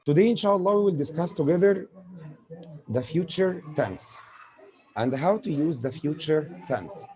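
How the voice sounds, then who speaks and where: A man with an Egyptian accent, a native Arabic speaker, teaches a grammar lesson, posing questions and answering them himself while explaining with examples. His voice is fairly high and lively, a little slow, and warm, though the audio quality is poor.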